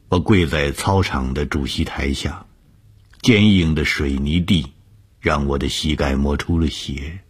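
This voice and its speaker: A man narrating a first-person audiobook story, slow and often breathy, sometimes half-whispered. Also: extremely low pitch.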